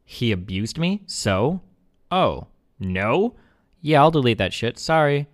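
A man's voice: mid-range voice, big pitch swings, slow pace. A man streaming live, arguing heatedly, defensive and exasperated, with frequent swearing.

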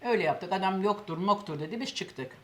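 Talking fast in a medium-pitched voice, an older woman cooking show host relates a lengthy story in a casual way. She brings it to life by performing the quoted voices of others.

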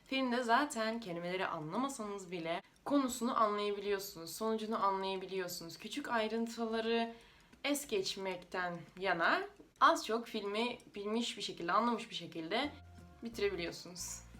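A Russian woman who makes language-learning videos explains things casually in slightly unidiomatic Turkish with a Russian accent. Her medium-pitched voice is bright and forceful at a normal speed.

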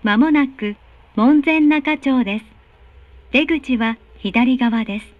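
Inside a subway car, a recorded announcement plays as a woman gives train information in a high, courteous voice, with formal, carefully enunciated phrasing at a slow pace. The audio is dry and slightly muffled, as if picked up from the carriage speaker.

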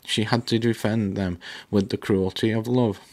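A man narrating a novel aloud in a steady, dramatic reading with small slips. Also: on the low side, normal speed. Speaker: book reader. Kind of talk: audiobook narration.

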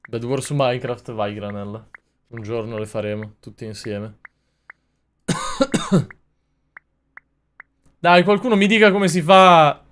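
A young man commenting on a video game as a streamer, swearing a lot, mocking himself and bursting into loud yells. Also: medium pitch, expressive, slow pace, pauses often, a little hiss or hum. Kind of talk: gaming commentary.

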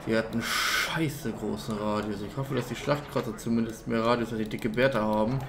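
A man's voice: on the low side, steady tone, brisk, noisy background. A man giving casual, slangy commentary while playing a strategy game, swearing now and then. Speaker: let's-play streamer. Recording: game music behind the voice.

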